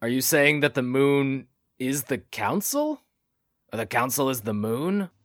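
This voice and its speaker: A man's voice: mid-range voice, lively intonation, measured pace, no echo, clean studio sound. A man running a tabletop game as game master, narrating scenes and answering players with a playful manner.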